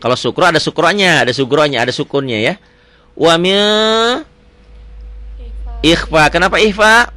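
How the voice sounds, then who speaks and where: A man teaching Quran recitation, quizzing a student with quick questions, repeating answers and reciting verses slowly. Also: fairly high pitch, sharp tone. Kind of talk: Quran reading lesson with a child.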